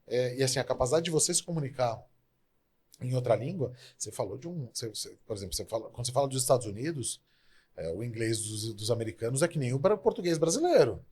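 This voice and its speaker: Here is a man from Brazil hosting an interview podcast. He speaks quickly in a mid-range voice, chatting freely and constantly restarting and correcting himself mid-thought. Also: mid-range voice, animated, darkish tone, slightly rough. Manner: chatty, rapid, many self-corrections. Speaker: podcast host.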